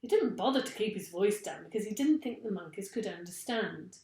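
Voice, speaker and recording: A woman reads a children's story aloud in a teacherly way, narrating expressively and deliberately. Her voice is medium-pitched and the sound is roomy.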